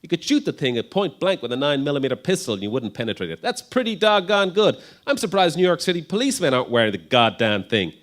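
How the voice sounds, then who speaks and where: A man's voice: a little high, very animated, quick pace, hardly any pauses, fairly bright tone, voice pushed up. A man putting on a blunt American Marine officer.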